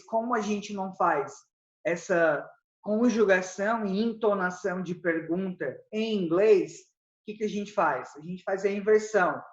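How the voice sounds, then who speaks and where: A man with a Brazilian Portuguese accent teaching an English grammar lesson, explaining step by step and reading English examples slowly. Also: sits high. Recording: roomy, slightly dull sound.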